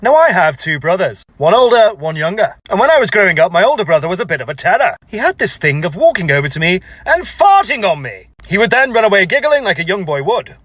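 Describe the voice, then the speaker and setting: Man, high and animated storyteller, dry close sound, comic timing, playful. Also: quick pace, few pauses, no room sound. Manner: lively, animated, jumps into squeaky high voices for quotes.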